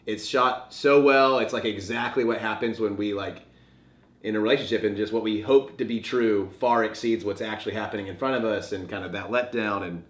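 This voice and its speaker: A man's voice: on the low side, fairly even intonation, brisk, a bit bright, reverberant. A young man co-hosting a podcast, chatting casually and rambling with many fillers. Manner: rambling, heavy use of "like". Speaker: podcast co-host. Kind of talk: casual chat.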